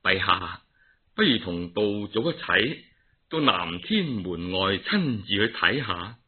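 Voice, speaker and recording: A man voicing a calm, dignified female bodhisattva in Cantonese, speaking in a measured, composed storybook manner. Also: on the low side, husky, full character voice. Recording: narrow phone-like archive audio.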